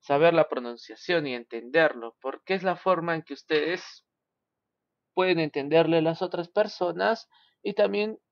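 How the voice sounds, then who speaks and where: A man teaching an English class online, speaking slowly, mixing Spanish and English, and often saying "ok". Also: on the high side, no room sound. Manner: switches between Spanish and English, slow and careful, repeats "ok". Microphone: video call. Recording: dull lo-fi video call audio.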